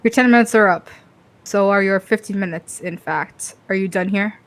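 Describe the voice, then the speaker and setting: A woman's voice: medium pitch, moderate pace, lightly acted. A woman reading game dialogue as a haughty, dismissive senior vampire, cool and condescending. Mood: curt, stern.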